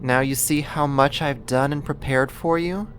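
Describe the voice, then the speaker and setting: In an intimate ASMR roleplay monologue, a performer with a steady, natural mid-range voice plays a possessive yandere neighbor who kidnaps the listener. Sweet yet menacing, possessive and smug, the character coaxes slowly and deliberately with condescending endearments. A slight hiss or hum sits under the recording.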